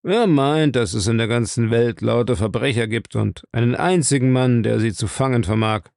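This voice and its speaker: A man voicing a big scornful man with a slow dismissive drawl. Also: mid-range voice, vocal fry, darkish tone, no room sound, clean studio sound, close to an everyday voice.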